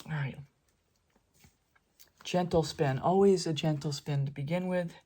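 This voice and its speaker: A woman's voice: deep voice, fairly even intonation, a little slow, mellow. A woman hosting an art tutorial, chatting and thinking aloud as she works, sometimes dropping to a whisper. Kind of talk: casual tutorial narration.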